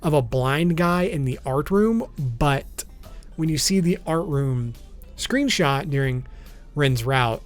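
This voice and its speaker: A man hosts an explainer video, narrating in an informal, matter-of-fact way over background music. His voice is a little high, with lively intonation and a slow delivery.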